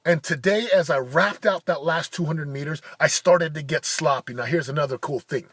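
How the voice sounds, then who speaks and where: A man in his forties giving a punchy, emphatic motivational monologue that builds to shouted declarations. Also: fairly high pitch, moderate pace, slightly rough, no room sound. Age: 40s. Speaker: motivational speaker.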